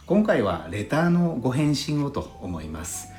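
In an unhurried, very animated mid-range voice, a male podcast host reads out letters from his listeners, his phrasing formal and courteous as he chats politely. Roomy echo colors the recording, and soft lo-fi flute jazz murmurs faintly.

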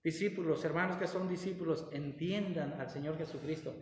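A pastor preaching a lively sermon, drawing responses from the congregation, with laughing asides. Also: mid-range voice, brisk, a little hiss or hum. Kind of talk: Pentecostal-style preaching sermon. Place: church hall. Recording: roomy church hall with long reverb.

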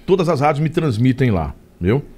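Um homem apresentador de podcast, conversando à vontade com o convidado e mandando abraços aos ouvintes. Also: male voice, medium pitch, normal speed, husky. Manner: lively, banters and reads listener messages. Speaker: podcast host. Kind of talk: casual interview chat.

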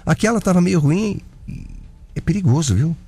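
A clingy, obsessive young stalker with a Brazilian accent, in a radio drama. His voice is slightly husky and swings widely in pitch as he turns from sweet to indignant. A faint music bed plays behind him. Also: expressive, normal speed, a little mellow. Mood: creepy sweet. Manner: smothering, falsely sweet, pushy.

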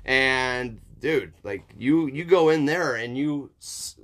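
A man's voice: medium pitch, takes it slowly, a bit bright. Casual, sweary man chatting. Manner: informal, sweary, emphatic, often seeking agreement. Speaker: podcast host. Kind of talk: casual philosophical chat.

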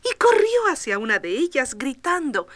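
A woman narrating a children's storybook record, expressive and tender. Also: high-pitched, normal speed, no room sound.

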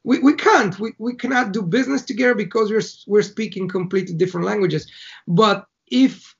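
In a casual interview, the Bulgarian man explains his ideas through analogies, speaking in brief phrases with little restarts. The lo-fi recording captures a high, creaky voice going a little fast.

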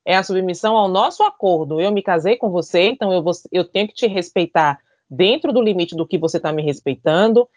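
A woman, talking bluntly and emphatically as a panelist. Her pitch swings widely from phrase to phrase. The recording is dry, with no room sound. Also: expressive, a little fast, darkish tone, dry recording. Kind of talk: casual panel discussion.

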